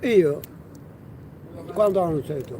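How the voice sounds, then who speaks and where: High-pitched older Albanian man, broken speech. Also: expressive, slow. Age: 60s. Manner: broken Italian in short fragments. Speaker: street passerby receiving a charity gift. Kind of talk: casual street chat. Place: outdoor city street. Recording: noisy outdoor city street with traffic.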